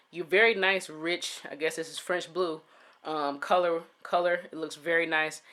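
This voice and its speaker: A man's voice: a little high, a bit bright. A man giving a casual sneaker review, laid-back and full of "um" fillers, talking straight to his viewers. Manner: laid-back, many "um" fillers, talks to "you guys".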